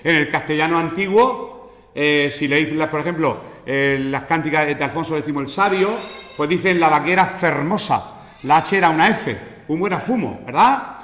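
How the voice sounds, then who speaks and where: A man from Spain preaching a sermon in an animated teaching manner, acting out pleas in a raised voice. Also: on the high side, normal speed. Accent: Spanish from Spain. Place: church. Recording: echoey church hall.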